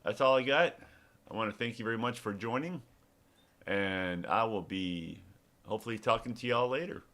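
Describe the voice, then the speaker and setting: A middle-aged Texan man, a developer who also runs a small business, talks casually through a rambling live demo full of restarts and fillers. His voice sits on the low side, a bit bright, at a normal speed.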